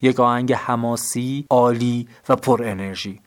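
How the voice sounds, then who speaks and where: A man narrating a scripted motivational story in a dramatic, measured way. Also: medium pitch, fairly even intonation. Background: faint background music.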